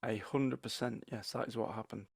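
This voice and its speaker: A man's voice: mid-range voice, fairly even intonation, fairly quick, creaky, heavy background noise. A young man, telling a funny family story with wry laughs on a casual podcast. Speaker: podcast co-host.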